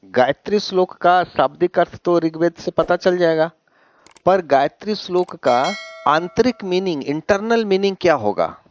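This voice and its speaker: A man's voice: high voice, expressive, normal speed, no echo. A male teacher giving a classroom lecture in Hindi. He mixes in English words and keeps asking his students whether they follow. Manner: asks questions and answers them, often adds 'है ना?'. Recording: dry, slightly dull sound.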